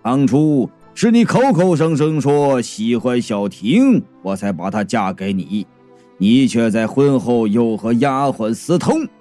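Storyteller voicing a stern, gruff old general father, mellow low tone. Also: animated, a little slow, soft background music, close to an everyday voice. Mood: scornful. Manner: gruff, scornful, weighty.

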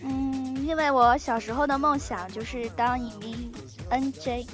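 A woman's voice: high-pitched, steady tone, unhurried, soft background music. A woman from Jiangsu, an online radio host, chatting casually as an interview guest with short, direct replies. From Changzhou, Jiangsu, China.

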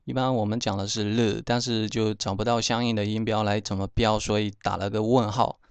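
A man teaching vocabulary, saying each word slowly and repeating it for learners. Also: lowish voice, level tone, clean tone, dry recording. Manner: slow, repeats words for learners. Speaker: language teacher. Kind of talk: explaining vocabulary pronunciation.

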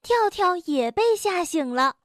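A woman reads a children's bedtime story aloud, gentle and expressive. Her voice sits very high and she takes an unhurried pace. The recording is dry and close. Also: dry recording.

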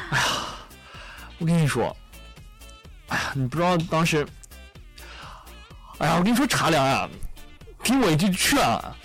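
Young male radio host, higher voice with lively swoops, chatty and giggly, faint music behind. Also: moderate pace, pauses often. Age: young adult. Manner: chatty, laughs at his own jokes. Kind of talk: casual comedic storytelling.

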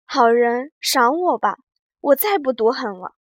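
A loud, blustering young nobleman from an old storybook, as a woman reads him aloud. He wheedles and boasts in a higher voice with little breathing room. The sound is dry and close, with no room around it. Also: sing-song, a little slow, dry recording, lo-fi sound. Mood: pleading.

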